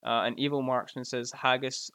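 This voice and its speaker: A man with a Glasgow accent chats and jokes loosely as he reads his stream chat aloud. His voice sits at an ordinary middle pitch. It is recorded dry and close, with almost no room sound. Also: normal speed, a bit bright, no echo. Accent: Scottish, Glaswegian. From Scotland. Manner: chatty and joking, laughs often. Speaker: live streamer reading chat. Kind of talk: casual live-stream chat. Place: at home by his computer. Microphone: close mic right in front of the mouth.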